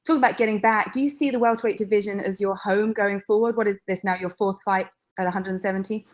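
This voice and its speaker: A woman's voice: mid-range voice, fairly even intonation, fast. A woman working as a sports interviewer, asking questions in a post-fight interview.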